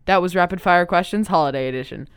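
Teen girl host doing rapid fire questions, talks quick, lower voice, really dry sound. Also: clean tone, no echo. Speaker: student host. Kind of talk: rapid-fire questions, scripted school segment.

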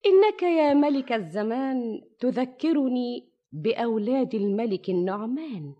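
An actress playing a clever young woman storyteller who defers to the king and tells her tale in measured, rhymed classical verse, in an old radio drama. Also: fairly high pitch, animated. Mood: demure, teasing. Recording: slightly dull old radio recording, faint music.

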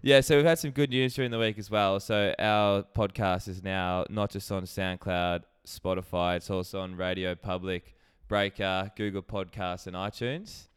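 Aussie guy podcast host, really clean resonant low voice, matey slangy banter. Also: fairly even intonation, moderate pace, hardly any pauses, clean tone. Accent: Australian. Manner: blokey, slangy, jokey, sweary. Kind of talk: casual chat.

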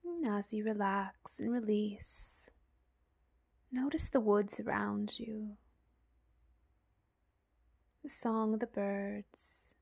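Slow, hushed woman guiding sleepy relaxation. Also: medium pitch. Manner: soft, breathy, half-whispered delivery with long pauses. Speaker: guided meditation narrator. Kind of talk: soothing guided relaxation narration, like a sleep story.

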